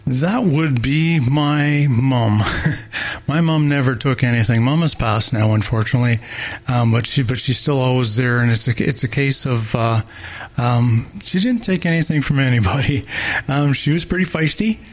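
Interviewed about his run for mayor, an older man from Barbados speaks in a mid-range voice. His answers are full of pauses, fillers and false starts.

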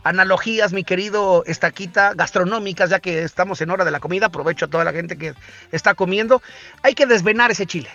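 A man's voice: high voice, fast, pushed and bright, lo-fi sound, faint music behind. A man with a Mexican accent hosting a sports talk show, bantering with jokey wordplay.

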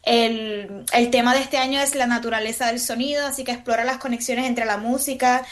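A woman's voice: fairly high pitch, steady tone, brisk. A woman from Puerto Rico with a Puerto Rican Spanish accent, a guest composer in a radio interview, thoughtful with many fillers and restarts.

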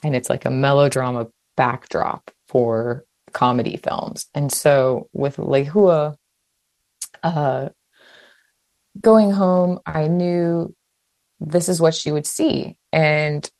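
A woman from Hawaii, an author, talking quickly and casually in an interview, with frequent fillers and restarts. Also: low voice, steady tone, darkish tone, no echo. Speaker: author, guest.

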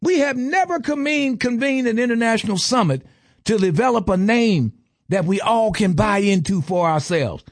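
High, lively man lecturing emphatically. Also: normal speed, no room sound. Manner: emphatic, lists items with rising stress, rhetorical questions. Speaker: speaker giving a lecture. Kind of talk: impassioned lecture.

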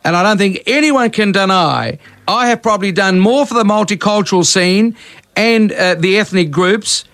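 A man's voice: sits high, normal speed, fairly bright tone. A blunt, indignant man from Greece, ranting heatedly on talkback radio.

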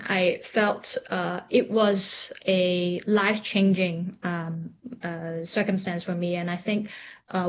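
A woman's voice: mid-range voice, muffled recording, a little hiss or hum. Thoughtful woman from Hong Kong, hesitant. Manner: thoughtful, frequent ums and restarts. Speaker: interview guest, entrepreneur. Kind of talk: reflective interview conversation.

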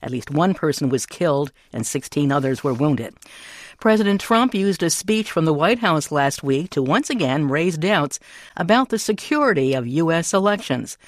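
A woman's voice: low voice, expressive, moderate pace, dry recording, studio quality. A woman working as a public radio host, reading scripted national news as a newscaster.

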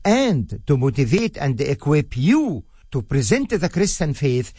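A man's voice: a little high, sing-song, unhurried, breathy edge, dry recording. A man from Egypt giving an earnest, emphatic ministry announcement. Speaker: ministry spokesman. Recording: dry close voice over soft music.

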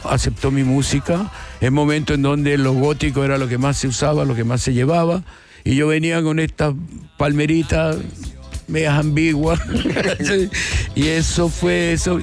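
Reflective Chilean musician, rambling and slangy. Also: male voice, fairly high pitch, steady tone, normal speed, faint music behind. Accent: Chilean Spanish. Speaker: musician guest. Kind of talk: casual interview storytelling.

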